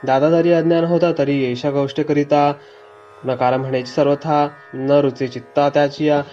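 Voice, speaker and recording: A man reading a devotional scripture aloud in a steady, sing-song way, as a recitation. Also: a little high. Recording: dull lo-fi recording with faint music.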